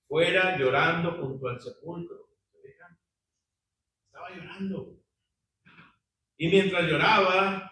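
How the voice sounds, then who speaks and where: A man's voice: a little high, bright, forceful tone. A man teaching a Bible study, reading scripture aloud and asking his listeners questions, with frequent tag questions. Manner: conversational, asks the group questions, frequent tag questions. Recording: echoey room, voice from a distance.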